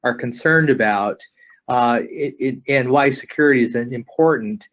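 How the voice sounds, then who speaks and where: A man's voice: medium pitch, a bit bright, lo-fi sound. A man moderating a webinar panel, reading audience questions and restarting his sentences often. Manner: halting, repeats words often.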